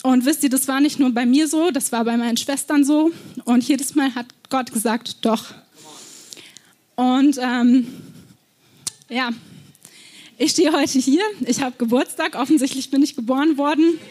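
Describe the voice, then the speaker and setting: A young woman giving an earnest sermon, telling personal stories and often pausing on fillers. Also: sits high, fairly even intonation, darkish tone. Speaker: preacher.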